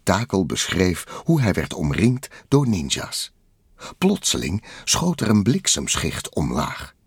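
A man narrating a children's storybook in a lively, expressive way. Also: sits low, slow pace, gravelly, husky, no echo, clean studio sound. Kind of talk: storybook read-aloud narration.

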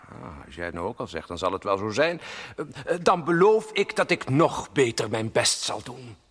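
Flustered, bright-voiced young king. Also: mid-range voice, sing-song, moderate pace, breathy edge. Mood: uncertain, contrite. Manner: flustered, exclaiming, hesitant. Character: childlike, insecure young king, fond of ducks. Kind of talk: children's audio drama.

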